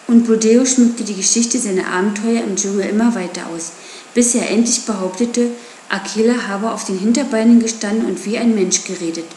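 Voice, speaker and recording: A woman narrating an audiobook in a steady storytelling manner. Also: mid-range voice, echoey room, slight background noise. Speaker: audiobook reader.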